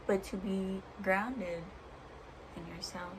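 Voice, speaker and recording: A woman speaking as a vlogger in a reflective personal monologue, earnest and halting, pausing between short phrases. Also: mid-range voice, steady tone. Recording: clear background noise.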